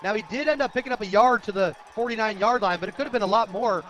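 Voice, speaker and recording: Fast and a bit bright, the high voice of an American radio announcer delivers live play-by-play of a football game, slipping in sponsor plugs between plays. The outdoor broadcast has a dull, lo-fi quality.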